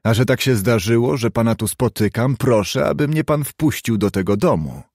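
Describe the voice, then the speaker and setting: A man's voice: medium pitch, expressive, moderate pace, a little mellow, no echo, studio quality. A man voicing a stern, probing lawyer in an audiobook, with a raised, pressing delivery.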